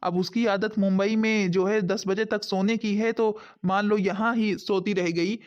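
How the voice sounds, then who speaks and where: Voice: medium pitch, steady tone, unhurried, close to an everyday voice. A performer playing a young husband who reasons with his family to defend his new wife in a skit. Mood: pleading. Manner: pleading, reasoning. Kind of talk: village family skit acting. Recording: dull lo-fi sound.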